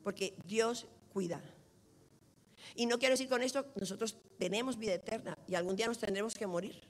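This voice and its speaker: A middle-aged woman preaching from a pulpit. Her voice keeps a moderate pitch. She tells stories animatedly and acts out each quoted line. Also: brisk. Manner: animated storytelling, lively quoted dialogue. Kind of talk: sermon.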